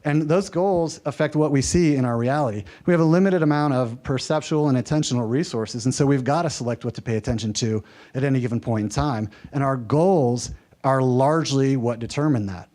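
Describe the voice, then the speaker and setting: Talking fairly quickly in a warm, mid-range voice, a mountain-region Southerner presents a workshop lecture in a workshop room. He stays conversational, tosses in light humor, and checks in with the audience.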